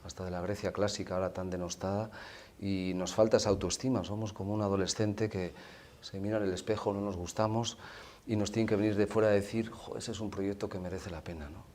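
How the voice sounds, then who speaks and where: A man speaking in a measured, deliberate way in a podcast conversation. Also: fairly low pitch, fairly even intonation, a little mellow. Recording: faint background noise.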